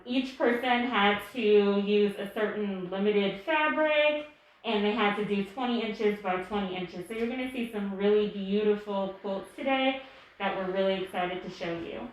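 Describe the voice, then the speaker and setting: A woman giving a casual guided tour as a guide, her voice slightly muffled through a face mask. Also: mid-range voice. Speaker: exhibit tour guide and co-curator. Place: indoor art gallery. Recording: very echoey room.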